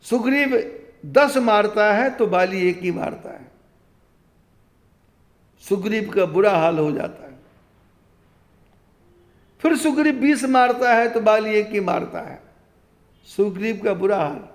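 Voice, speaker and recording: Brief: high, unhurried male preacher chanting verses, long reverberant hall. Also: lively intonation. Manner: retells scripture, chanting verses slowly. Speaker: spiritual teacher. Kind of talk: devotional storytelling discourse.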